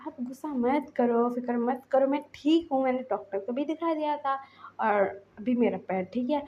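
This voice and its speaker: A woman voicing a calm, gentle young male student who soothes others. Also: high-pitched, moderate pace, highs cut off, a little hiss or hum, lightly acted.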